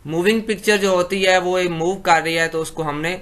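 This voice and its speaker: A man from Pakistan giving a lecture. He reads English definitions slowly, then explains them in conversational Urdu. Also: high voice, steady tone, fairly bright tone.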